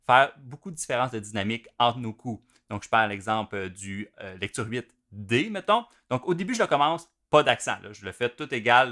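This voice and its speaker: A man walks through drum exercises one step at a time. His voice is bright, with an average pitch, and his manner stays patient and methodical. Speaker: drum teacher. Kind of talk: instructional video explanation.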